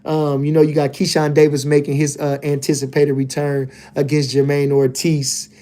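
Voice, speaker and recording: A man's voice: on the high side, completely flat delivery, moderate pace, dark tone. A man hosting a casual boxing livestream, reading chat comments and talking loosely with lots of filler phrases. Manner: laid-back, loose and rambling, lots of "you know what I'm saying".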